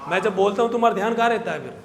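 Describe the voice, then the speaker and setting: A high-pitched man lectures a classroom of students. He quizzes them and scolds them, and his voice rings with the long reverb of a large hall. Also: racing, vocal fry, crowd noise. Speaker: veterinary teacher.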